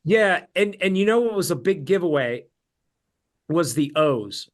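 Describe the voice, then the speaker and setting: A man's voice: on the high side, expressive, measured pace. An American man, an actor, chatting casually about films over a video call, rambling with lots of fillers and restarts. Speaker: actor and guest. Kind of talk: casual film discussion.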